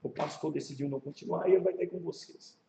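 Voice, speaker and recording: High-voiced Brazilian man teaching. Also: fast talker, creaky, a little hiss or hum. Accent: Brazilian Portuguese. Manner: animated storytelling with rhetorical questions. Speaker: pastor and leadership teacher. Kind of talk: casual classroom teaching. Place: church classroom. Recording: echoey room, muffled sound.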